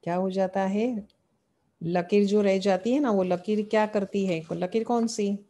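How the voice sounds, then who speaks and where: A woman's voice: medium pitch, fairly even intonation, unhurried, warm tone. A woman giving a devotional sermon. She asks rhetorical questions, answers them herself, and repeats key phrases as she explains the teaching. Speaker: spiritual teacher.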